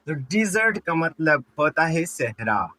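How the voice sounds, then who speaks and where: Man, English teacher, unhurried, slightly high voice, repeats himself, quizzes the class. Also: big pitch swings, bright, forceful tone, poor audio. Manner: repeats words, asks and answers his own questions, calls students "beta". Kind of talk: classroom-style lesson explanation.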